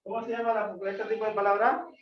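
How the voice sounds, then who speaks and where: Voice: medium pitch, level tone, fast. A teacher questioning pupils one by one in a classroom lesson, strict and insistent. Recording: roomy dull recording, clear background noise.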